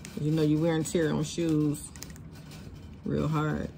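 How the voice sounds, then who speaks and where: In her craft studio with sewing and embroidery machines, a woman demonstrates shoe decorating, chatting casually and calling her viewers "y'all." Her slightly raspy voice is low-pitched, mellow, unhurried, and completely flat in delivery, picked up by a camera over the worktable.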